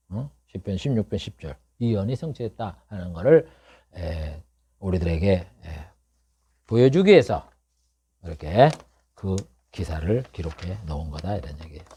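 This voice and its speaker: A middle-aged man preaching an expository sermon as pastor, talking conversationally with many rhetorical questions and swinging between low murmurs and loud, emphatic bursts. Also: husky.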